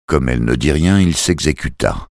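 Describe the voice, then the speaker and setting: A man reading a novel aloud as narrator, in a steady, measured way. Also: rumbling low, creaky, dry recording, studio quality. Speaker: audiobook narrator. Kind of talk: scripted narration.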